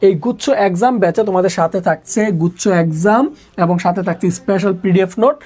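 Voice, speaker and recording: A man teaching a live online exam-prep class who repeats each question and answer again and again, pushing students to answer quickly. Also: high-pitched, a little mellow. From Bangladesh. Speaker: admission exam tutor.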